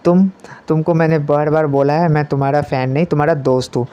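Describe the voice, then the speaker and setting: A young celebrity girl who scolds insistently, as a man puts her on. The voice is slightly high, with a warm, mellow tone. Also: fairly even intonation, fast, clean tone, lightly acted. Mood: scolding.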